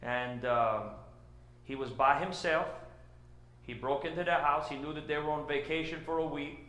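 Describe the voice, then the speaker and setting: A middle-aged man with a Cajun accent doing folksy stand-up storytelling in a drawn-out way on a stage. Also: fairly high pitch, steady tone, a bit bright. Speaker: comedian. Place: indoor church-like hall, on stage before seated audience. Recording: roomy echo of a live stage.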